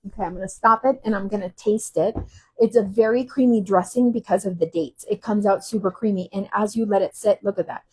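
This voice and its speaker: A woman's voice: medium pitch, a little fast, darkish tone, slight background noise. A woman hosting a casual cooking demo, chatting in a rambling way with frequent ums. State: teary from cutting shallots. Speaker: cooking channel host. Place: kitchen while traveling.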